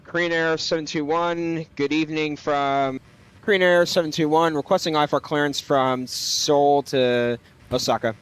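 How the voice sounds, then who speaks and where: A man's voice: on the high side, fairly even intonation, moderate pace, a little hiss or hum, low-quality recording. A man streaming a flight simulator, making pilot radio calls from the cockpit into a headset, hesitant and full of fillers.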